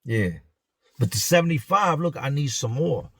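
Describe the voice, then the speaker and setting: A man voicing a jittery, pushy male addict cellmate, who pleads and talks fast. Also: mid-range voice, animated, creaky, no echo, voice pushed up. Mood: pleading.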